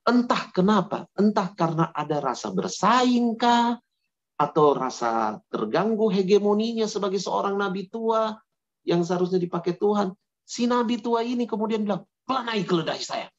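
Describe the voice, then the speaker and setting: A man preaching to young people in a casual, chatty storytelling way, slangy and lively as he retells a Bible story. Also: high voice, moderate pace. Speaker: pastor. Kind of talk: casual storytelling sermon to youth. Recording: dull lo-fi sound.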